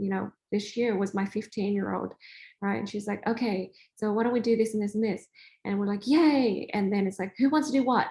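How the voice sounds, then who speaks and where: Warm-voiced woman coaching parents. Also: medium pitch, low-quality recording. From Australia. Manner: chatty, acts out family dialogue in lively voices. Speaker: host and spiritual coach. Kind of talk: casual teaching talk.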